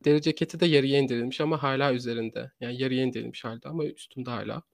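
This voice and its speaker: A man's voice: mid-range voice, steady tone, racing, vocal fry, no echo. A man hosting a true crime podcast in a conversational way, often repeating and rephrasing his sentences as he searches for words.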